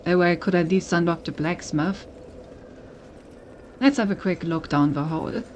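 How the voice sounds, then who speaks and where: Thinking aloud and reading on-screen text, a woman game streamer offers relaxed commentary as she plays. Her voice is fairly low and darkish at a moderate pace, with a little hiss or hum behind it.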